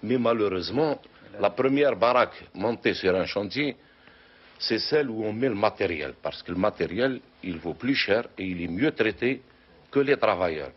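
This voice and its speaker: A man's voice: fairly low pitch, lively intonation, moderate pace, husky, highs cut off. A man speaking in an indignant, emphatic way in an interview.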